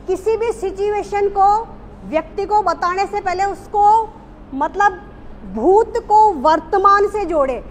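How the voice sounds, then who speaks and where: A woman's voice: very high-pitched, a little hiss or hum. A woman speaking to a small group at a speaking workshop, reflecting on what she has learned, hesitant, with many fillers and restarts. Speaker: workshop participant.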